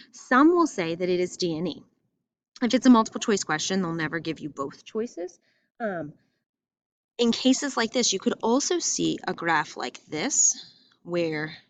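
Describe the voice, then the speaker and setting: Lively woman teaching math. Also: medium pitch, creaky. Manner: lively, emphatic, repeats phrases for stress. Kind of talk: classroom lesson walking through graphs. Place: school classroom or building with loudspeaker.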